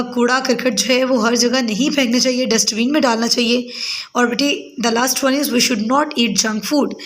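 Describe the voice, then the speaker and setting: A woman teacher gives a lesson to young pupils. She calls them "beta" and fills her pauses with "uh". She slows down to read English words aloud. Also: fairly high pitch, slight background noise. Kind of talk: recorded class lesson for children.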